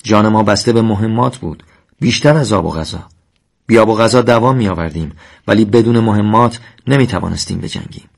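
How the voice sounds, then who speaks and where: A man narrating a first-person war memoir in a measured, solemn reading. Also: on the low side, gravelly.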